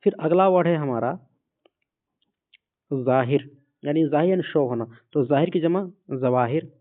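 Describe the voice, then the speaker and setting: A man with a slightly high voice teaches vocabulary one word at a time. He repeats each term patiently. The audio is thin and phone-like. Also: measured pace. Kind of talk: vocabulary lesson.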